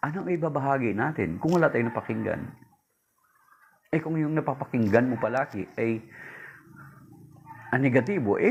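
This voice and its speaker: A man preaching a homily, mixing Tagalog and English, telling a story and raising his pitch to act out its voices. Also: creaky, lo-fi sound, slight background noise. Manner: mixes Tagalog and English, addresses listeners as brothers. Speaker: priest. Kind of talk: homily with a told joke.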